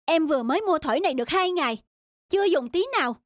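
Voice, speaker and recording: A performer voicing a strict, quick-tempered young stepmother in a children's cartoon, with a sharp, scolding way of talking. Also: high voice, animated, dry recording, studio quality.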